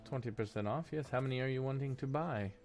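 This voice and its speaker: A man voicing a creepy, overly polite male shopkeeper with a taste for flesh, speaking slowly and curiously. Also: mid-range voice, darkish tone, soft background music, voice pushed up, lightly acted. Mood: sly salesman. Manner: slow, curious, oddly polite. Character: creepy soft-spoken male shopkeeper who eats people.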